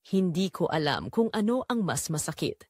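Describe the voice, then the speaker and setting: In this audio drama, a woman voices a middle-aged wife and mother who has been betrayed, telling her story herself in solemn, quietly bitter short phrases. Her pitch swings a lot as she speaks deliberately, sounding bitter and grieving. There is no room sound; the audio is dry and close.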